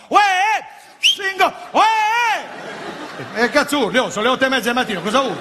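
A man performing a stand-up comedy routine in a theatre, animated and breaking into shouted impressions of regional characters. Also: high voice, a little hiss or hum. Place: large theatre stage before a laughing audience. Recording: live theatre recording, long hall reverb, audible ambience. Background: audience laughter.

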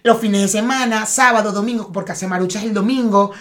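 A woman's voice: mid-range voice, a little fast. A Venezuelan woman co-hosting a podcast, chiming in with emphatic, colloquial remarks. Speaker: podcast co-host. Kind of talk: casual chat.

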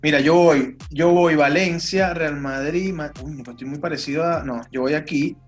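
A man's voice: fairly high pitch, steady tone, moderate pace, faint music behind. A man hosting a casual chat among friends and repeating their picks back in a drawl. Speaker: host.

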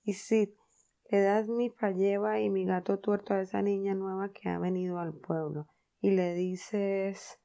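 A woman's voice: medium pitch, little pitch movement, measured pace, creaky, mellow. A woman voicing a young schoolboy who fakes being sick, whiny and plaintive. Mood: whimpering. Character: young schoolboy faking illness, melodramatic.

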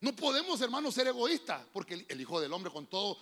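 A man preaching as a pastor with a Honduran accent, telling folksy family stories and calling the listener "hermano", building to shouted preaching. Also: sits high, sing-song, fast talker. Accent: Honduran Spanish. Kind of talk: sermon with personal anecdotes. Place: church.

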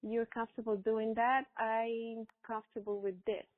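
A woman in her forties from Morocco, telling a personal story as a podcast guest in a halting, hesitant way. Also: on the high side, flat delivery. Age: 40s. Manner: halting, hesitant with many pauses. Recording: echoey, tinny phone-like line.

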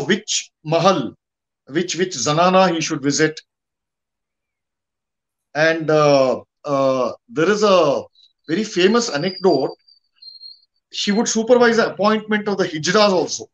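A man with a distinctly high-pitched voice and an Indian accent speaks as a guest commentator. He talks conversationally, halting often and repeating phrases to drive them home. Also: animated, rough recording. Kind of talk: conversational history and politics discussion.

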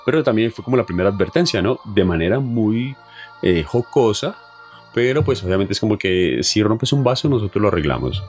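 A young man with a Colombian accent casually telling a travel story in a chatty, animated way, full of asides and fillers. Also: lowish voice, brisk, faint music behind. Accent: Colombian Spanish.

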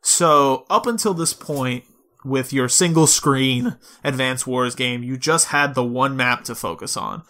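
Co-hosting a podcast, a man chats casually about video games and walks through things step by step. His voice is medium-pitched and sharp, with a measured pace.

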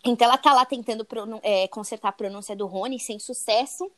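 A young Brazilian woman co-hosts a podcast, casually retelling a book chapter in a chatty way and ending her sentences with "né?". Her voice is a little high and fairly bright, she talks fast with a Brazilian Portuguese accent, and the recording is dry.

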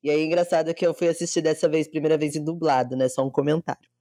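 Uma mulher com sotaque brasileiro, conversando à vontade e falando direto com os ouvintes numa sala online. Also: female voice, sits low, fairly even intonation, fast, mellow, no room sound, clean studio sound. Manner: chatty, talks to the listeners directly. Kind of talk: casual chat in an online audio room.

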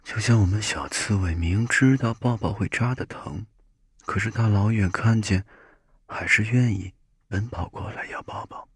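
A man voicing a wise gentle hedgehog. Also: fairly low pitch, no room sound, clean studio sound, full character voice. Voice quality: breathy, whispery. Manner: soothing, advising.

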